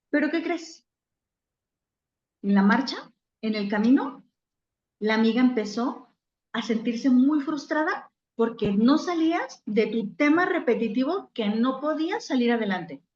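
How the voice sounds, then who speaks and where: A woman psychologist talks her audience through everyday scenes, slipping into quoted voices to make her points. Her voice sits high. The recording is roomy, with a dull, lo-fi sound. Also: a little mellow. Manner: conversational, acts out little scenes with quoted voices. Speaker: psychologist giving a talk. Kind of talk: virtual conference talk.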